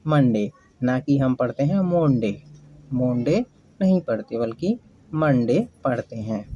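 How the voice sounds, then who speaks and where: A teacher giving a slow English lesson, spelling out words letter by letter and repeating questions to the class. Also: medium pitch, dark tone, breathy edge, dry recording, rough recording. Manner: patient, repeats questions and answers.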